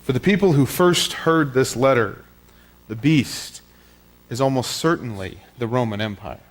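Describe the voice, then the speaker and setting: A pastor giving a teaching sermon at a pulpit microphone in a church, explaining in a plain, conversational way with small fillers. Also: male voice, mid-range voice, animated, measured pace. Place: church sanctuary.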